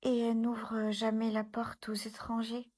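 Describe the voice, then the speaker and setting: A sweet, timid little girl from a children's fairy tale, as a woman reading aloud puts her on. Her voice is small, high and soft, and a little breathy. She speaks slowly and gently. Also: monotone.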